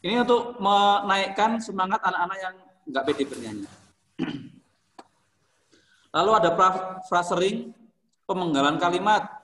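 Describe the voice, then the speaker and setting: A man's voice: high voice, fairly bright tone. A man teaching a school music class, explaining singing technique in an encouraging, joking way. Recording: echoey classroom.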